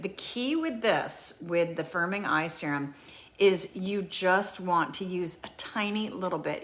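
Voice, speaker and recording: A woman in her fifties hosting a casual beauty product demonstration, chatty and often pausing on "um". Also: fairly low pitch, a bit bright. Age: 50s. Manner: chatty, with frequent ums. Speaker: beauty show host.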